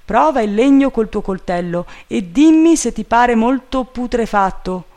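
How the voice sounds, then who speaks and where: Impatient, urgent gentleman barking orders, as a man reads him. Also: high voice, lively intonation, unhurried, voice pushed up. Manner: urgent, commanding, raised voice. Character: excitable, impatient male gentleman giving orders.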